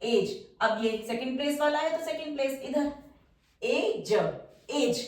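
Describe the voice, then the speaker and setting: A woman's voice: high-pitched, measured pace. A woman teaching shorthand at a whiteboard, patiently walking through each example and answering her own questions. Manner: patient, repeats key terms, asks and answers own questions. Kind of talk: whiteboard lesson explaining step by step. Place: room with a whiteboard. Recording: echoey room, far from the mic.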